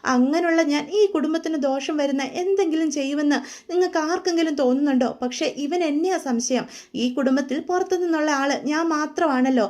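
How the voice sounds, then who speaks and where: A woman's voice: high voice, fast talker, a little mellow, close to an everyday voice. A woman voicing a defiant, scheming young wife who taunts her husband and fakes tearful distress. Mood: pleading. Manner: taunting, then wailing in mock distress.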